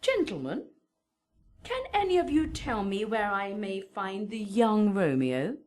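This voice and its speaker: A woman's voice: mid-range voice, big pitch swings, measured pace, a little mellow. A woman playing a garrulous, indignant older servant nurse with a fussy, emphatic delivery in a Shakespearean radio drama. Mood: polite, fussy.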